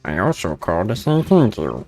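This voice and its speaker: A man's voice: on the low side, wildly swooping pitch, normal speed, darkish tone, faint music behind. A man reading game dialogue aloud, putting on a disguised voice for a mocking mystery caller. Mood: taunting. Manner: smug, mocking, sing-song.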